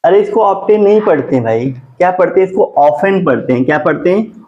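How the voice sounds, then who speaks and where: Slow-spelling male teacher, lo-fi sound. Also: sits high, expressive. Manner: asks students questions and answers them himself; drawn-out slow spelling of words. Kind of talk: classroom grammar lesson. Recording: dull lo-fi classroom recording.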